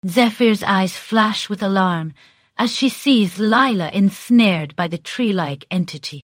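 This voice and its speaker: A woman's voice: mid-range voice, unhurried, no echo. Woman reading role-play narration, dry. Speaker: player narrating her character.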